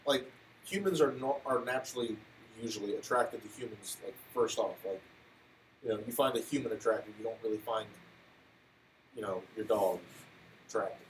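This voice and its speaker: A man's voice: fairly low pitch, moderate pace, roomy sound. A man co-hosting a casual podcast, rambling through his points with lots of fillers and building to exasperated questions. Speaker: podcast co-host. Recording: distant mic, faint noise.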